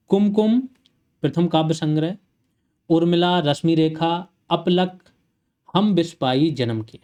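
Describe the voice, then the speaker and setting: A man's voice: on the high side, mellow. A male teacher giving an online exam-prep lecture, reeling off lists of titles and lifting his voice on questions to the class.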